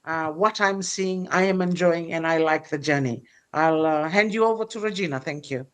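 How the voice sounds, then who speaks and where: A woman's voice: sits low, normal speed. Fiji-born woman hosting a livestream, hesitant. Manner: hesitant, many fillers. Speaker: host. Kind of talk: casual livestream chat.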